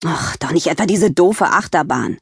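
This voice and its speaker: A woman's voice: fairly low pitch, expressive, moderate pace, gravelly, husky, no room sound, studio quality, exaggerated voice. A woman voicing a snappy, dismissive fourteen-year-old sister in an audiobook. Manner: grumpy, dismissive.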